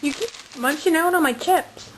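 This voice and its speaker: A woman's voice: very high voice, normal speed. A young woman chatting casually and playfully to camera, giggly as she banters with a friend during a contest. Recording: noisy amateur home recording with clicks.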